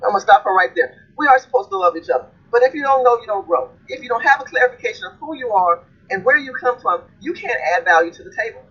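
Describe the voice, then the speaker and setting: A woman's voice: on the high side, lively intonation, fast talker, few pauses, fairly bright tone, slightly rough. A woman hosting a livestream, lecturing her audience in an emphatic, repetitive, preaching style. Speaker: livestream host. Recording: dull lo-fi stream audio.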